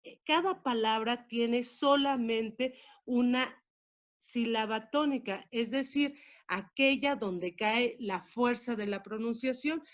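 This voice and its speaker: A woman teacher walks through a grammar lesson in a measured, explanatory way, leaning on key words. Her voice sits fairly high. The recording sounds dull and lo-fi.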